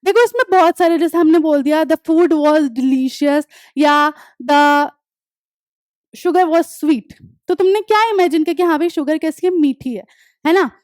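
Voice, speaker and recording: A young woman teaching an English lesson online, explaining step by step, often checking that students follow, and reading examples slowly. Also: sits high, a little mellow, no echo, studio quality. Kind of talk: online class lecture.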